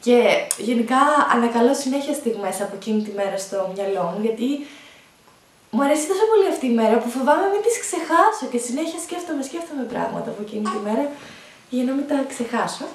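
A young woman vlogger telling the story of her childbirth, animated and laughing often as she talks. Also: a little high. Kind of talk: storytime vlog, recounting childbirth. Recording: echoey room, voice from a distance.

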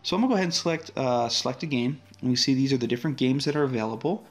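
An app developer gives a relaxed, friendly demo of his app, speaking rapid-fire in a medium-pitched voice. He uses frequent fillers and restarts as he walks through it casually.

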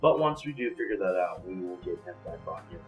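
A man's voice: low voice, animated, fairly quick, a little mellow, echoey room, faint music behind, rough recording. A man hosting a casual gaming podcast over voice chat, rambling and thinking aloud as he talks. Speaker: podcast host. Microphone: voice chat over Discord.

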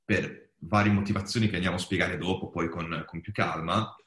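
A man with a fairly low voice walks through a technical explanation, pausing and restarting his phrases. His voice carries a noticeable room echo, as if recorded in an untreated space. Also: steady tone, fairly bright tone. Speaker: podcast co-host explaining crypto. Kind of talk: casual panel discussion.

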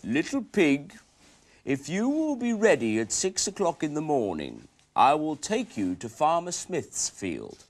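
A man voicing a hungry big bad wolf with slow, drawn-out, loud threats while reading a storybook. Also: fairly high pitch, huge pitch swings, voice pushed up, heavily acted. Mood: sly.

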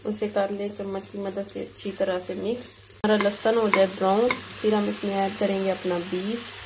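A woman with a Pakistani Urdu accent giving steady step-by-step recipe instructions as a cooking channel host in her home kitchen. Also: mid-range voice, background noise. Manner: steady, even, unhurried instructions. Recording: home kitchen recording with audible frying sizzle.

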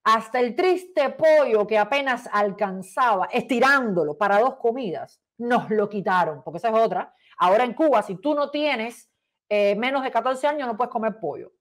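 A woman's voice: a little high, animated, normal speed. A woman talk show host, reading a letter aloud in an indignant, dramatic way with emphatic stresses.

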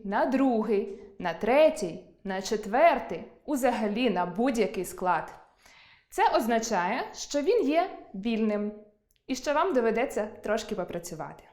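Lively woman teacher, echoey room. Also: high-pitched. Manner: clear, deliberate, drawing out example words. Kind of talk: scripted online lesson.

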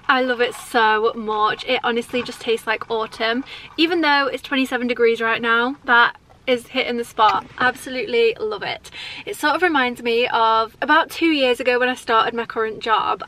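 A young vlogger with a slightly high, fairly bright voice talks to a camera held at arm's length on a rough recording. She rambles in an upbeat, casual way from her home and her parked car.

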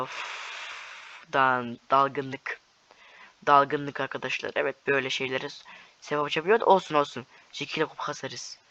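A young man giving casual, excitable commentary over his own gameplay, taunting opponents as he plays. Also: on the high side, no echo. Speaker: gaming YouTuber. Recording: slightly dull lo-fi sound.

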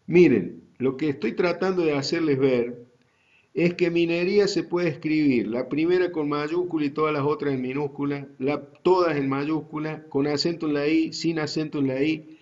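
Un hombre con acento argentino que da una clase universitaria en línea, explicando con calma y paso a paso. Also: male voice, fairly high pitch, highs cut off. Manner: slow, deliberate explaining to students. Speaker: university GIS teacher. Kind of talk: online class lecture.

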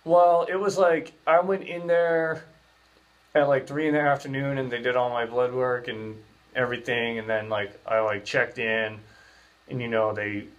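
A man's voice: mid-range voice, fairly even intonation, normal speed, lo-fi sound. A man in his thirties hosting a casual podcast, speaking through clenched teeth with his jaw wired shut, rambling and slangy. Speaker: podcast host. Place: small bare room, indoors.

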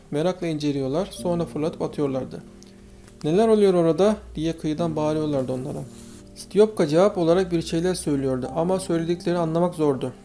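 A man narrating an audiobook in a steady storytelling manner. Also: on the high side. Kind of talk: scripted narration. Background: faint guitar music.

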